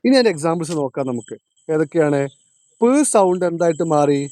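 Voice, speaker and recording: Speaking high but with a darkish, expressive tone, a man delivers a classroom lesson. He quizzes the students, goes back over each point, and lingers on key terms, recorded dry with no echo.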